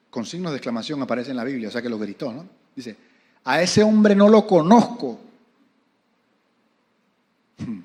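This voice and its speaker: Panamanian pastor preaching with dramatic flair. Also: male voice, fairly high pitch. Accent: Panamanian Spanish. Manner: dramatic storytelling, asks the audience questions. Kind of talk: sermon.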